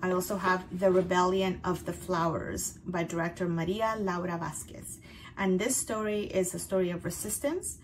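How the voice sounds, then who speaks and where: A woman hosting in a conversational, semi-scripted style, giving film recommendations in a measured, explanatory way with brief pauses. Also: fairly low pitch, steady tone, a little hiss or hum, rough recording. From outside North America. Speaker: festival picks host.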